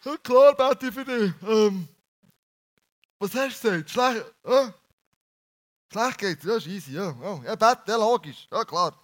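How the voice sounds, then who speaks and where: A man's voice: sits high, expressive, unhurried, long pauses. A man imitating a careless friend who half-listens on the phone. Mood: dismissive. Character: distracted, careless adult male friend on the phone.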